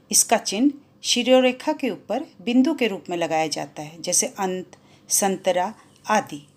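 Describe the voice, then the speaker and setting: Woman teacher going really slow through a grammar lesson for kids, stretches out every example sound. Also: mid-range voice, a little mellow. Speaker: Hindi teacher. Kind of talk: explaining a grammar lesson to children.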